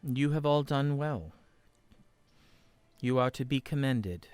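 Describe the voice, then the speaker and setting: A man voicing a formal council leader who speaks in measured, ceremonial phrases. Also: mid-range voice, animated, a little mellow, smooth. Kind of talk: tabletop role-play voice.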